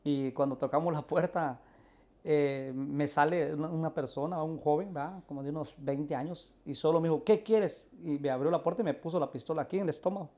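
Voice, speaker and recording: A man's voice: a little high, steady tone, a little fast, darkish tone. A male pastor, telling his testimony earnestly and acting out the voices in his story. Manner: earnest storyteller, acts out quoted dialogue.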